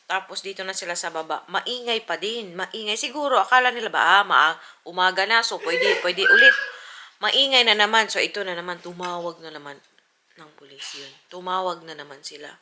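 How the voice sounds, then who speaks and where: A woman from the Philippines, a mother and vlogger, telling a story in a chatty, animated way to her camera at home. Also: lowish voice, normal speed. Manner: chatty, animated retelling with acted-out quotes. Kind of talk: casual vlog storytelling. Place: home indoors. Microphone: camera mic. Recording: home video with noticeable background noise.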